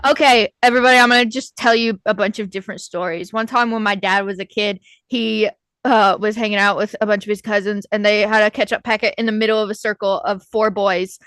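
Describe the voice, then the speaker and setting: A woman's voice: mid-range voice, fairly even intonation, brisk, a bit bright, no echo. A woman telling anecdotes casually as a contestant on a livestream. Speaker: contestant on a live stream show. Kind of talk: casual storytelling.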